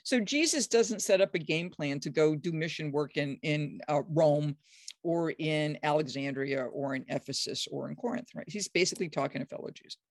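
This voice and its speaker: A biblical scholar, middle-aged or older, talking with enthusiasm and emphasis and breaking into high, acted quotes. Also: normal speed, dry recording, clean studio sound. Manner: acts out quoted speech with sudden high pitch jumps; emphatic, enthusiastic, frequent restarts. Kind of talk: animated explanatory conversation.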